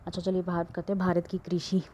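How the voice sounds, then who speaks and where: A woman's voice: on the low side, monotone, fast, mellow, slight background noise. A woman teaching an exam-prep lesson, reading questions aloud and explaining them with many fillers and restarts.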